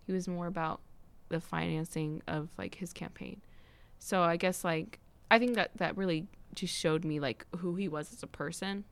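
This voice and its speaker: Rambling young woman, lowish voice. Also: fairly even intonation, moderate pace, gravelly, hardly any pauses. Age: young adult. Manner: rambling, many "like" fillers. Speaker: student discussing politics. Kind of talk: casual chat.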